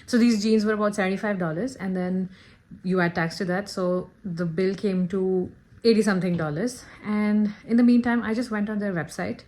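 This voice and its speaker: A woman's voice: mid-range voice, a little mellow. A woman chatting casually to her viewers as a lifestyle vlogger, upbeat and talkative. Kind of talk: casual vlog chat.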